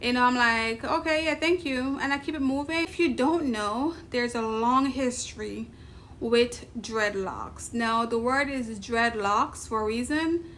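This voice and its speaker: A Jamaican woman with a Jamaican accent chats casually to the camera in her vlog, laughing often and throwing in emphatic asides. Her voice is on the high side and a bit bright, her delivery unhurried, with slight background noise.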